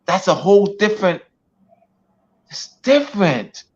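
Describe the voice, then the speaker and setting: A man's voice: sits high, very animated, measured pace. A man speaking as a guest speaker in a teaching talk, emphatic and repetitive, with many "you know"s. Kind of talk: teaching talk on an online show. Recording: dull lo-fi audio.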